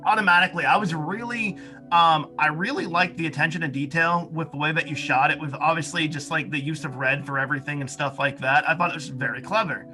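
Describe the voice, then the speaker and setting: A chatty male host from Maine with a bright, lively tone and a slightly high pitch. He keeps the talk easygoing and casual. Faint music plays in the background. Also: fast talker. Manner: easygoing, chatty, many fillers. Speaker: radio show host. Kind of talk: casual interview.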